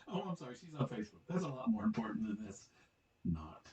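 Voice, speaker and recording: A man's voice: medium pitch, big pitch swings, brisk, crowd noise, rough recording. A middle-aged man co-hosting a podcast, teasing his daughter and laughing a lot during joking banter. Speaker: podcast co-host.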